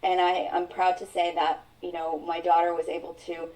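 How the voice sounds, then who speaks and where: A woman with a lowish, darkish voice that barely moves in pitch describes her personal experiences as a podcast guest. Mandarin is her first language, and she talks earnestly and thoughtfully, drawing out phrases, while sounding distant from the microphone.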